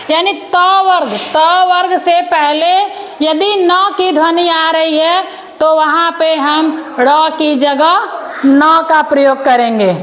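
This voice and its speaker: A woman's voice: high voice, a little hiss or hum. A woman teaching a grammar lesson to children, patiently repeating words and asking them questions.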